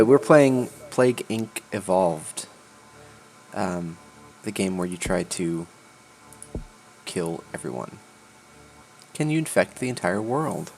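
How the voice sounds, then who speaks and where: A man's voice: lowish voice, creaky. A man hosting a casual game stream, laid-back, reading game text aloud with dry asides. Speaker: channel host. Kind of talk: casual gaming chat.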